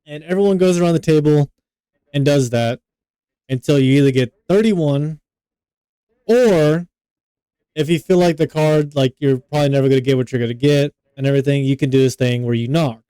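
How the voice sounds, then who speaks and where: A man's voice: on the high side, normal speed, dark tone, smooth, no room sound. A young man co-hosting a podcast, talking loosely and profanely with lots of filler words. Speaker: podcast co-host. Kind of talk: casual podcast chat.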